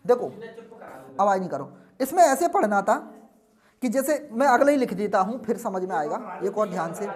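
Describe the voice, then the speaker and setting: A man's voice: high voice, animated, moderate pace. A man teaching a classroom lesson, drilling students with repeated questions and answers and scolding them now and then.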